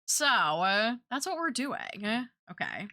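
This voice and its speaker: Unhurried, bright-voiced woman livestreamer. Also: a little high, sing-song. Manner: chatty, thinking aloud. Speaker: art livestreamer. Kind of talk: casual, rambling livestream chat while drawing.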